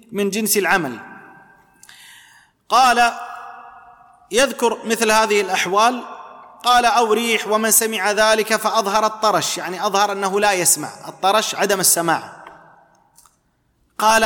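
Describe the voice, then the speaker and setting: A man's voice: sits high, sharp tone. A man giving a religious lesson, explaining and repeating key phrases as he teaches. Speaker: preacher. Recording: long hall reverb.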